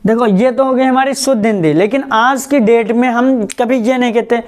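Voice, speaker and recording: A male teacher giving a grammar lesson, asking quick questions and repeating the answers, slowing words down to show how they are said. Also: very high voice. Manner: stretches out words slowly to model pronunciation.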